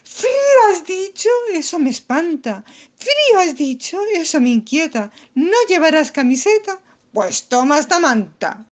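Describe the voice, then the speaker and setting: A woman's voice: high-pitched, sing-song, a little slow, pitched above the performer's own voice. A woman voicing a lovesick young noblewoman who declaims her love in a theatrical, gushing way. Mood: alarmed. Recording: music playing behind the voice.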